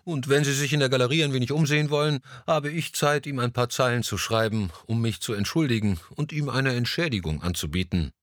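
A man's voice: medium pitch, brisk, few pauses, no echo, studio quality, pitched above the performer's own voice, lightly acted. A man reading an audiobook, voicing a vain, silver-haired gallery owner who grumbles and talks down a little. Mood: testy. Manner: grumbling, mildly condescending. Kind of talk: audiobook dialogue.

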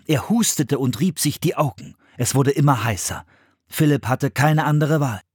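Brief: male narrator, husky, lively melody, dry close sound. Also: mid-range voice, moderate pace, no echo. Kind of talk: audiobook narration.

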